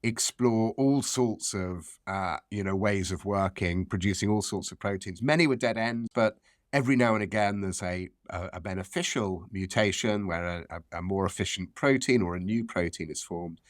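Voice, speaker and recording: Lowish-voiced male professor explaining, dry sound. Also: no room sound. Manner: measured, explanatory, repeats phrases for emphasis. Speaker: professor, expert guest. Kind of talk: conversational scientific explanation.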